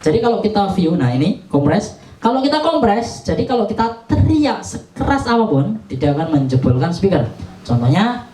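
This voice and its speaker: A man's voice: high-pitched, very animated, normal speed, mellow. A man, chatting casually step by step through a product demonstration. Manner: chatty, explains step by step while pressing buttons. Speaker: audio gear seller demonstrating a mixer. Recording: roomy sound, mic at a distance.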